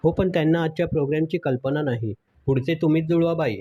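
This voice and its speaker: Guy reading the part of a timid young wife, hesitant, mellow voice, bit high. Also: fast talker, husky, lo-fi sound. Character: shy nervous young wife.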